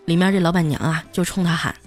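A woman's voice: fairly low pitch, fairly even intonation, fast talker, a little mellow, faint music behind. A woman host telling comic anecdotes in a chatty, scripted way. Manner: chatty, punchline-driven delivery. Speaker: comedy storyteller host. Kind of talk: scripted comedic storytelling.

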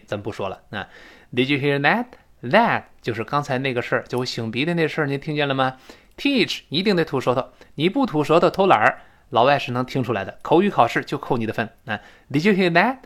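Lively male English teacher drilling pronunciation. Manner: drills words slowly and repeats them, with big jumps in pitch and loudness. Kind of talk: spoken English pronunciation lesson.

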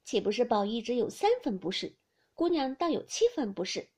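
A woman voicing a cheerful, outspoken young maid in a storybook reading, who chides briskly and teases. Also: a little high, very animated, a little mellow, breathy edge, exaggerated voice. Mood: chiding. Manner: brisk, teasing, scolding kindly.

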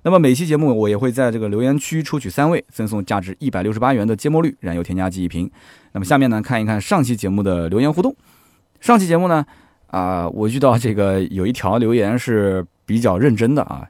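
A man hosting a podcast in casual chat, animated and chatty, often asking his listeners "right?". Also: on the low side, quick pace, no echo, clean studio sound. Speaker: podcast host.

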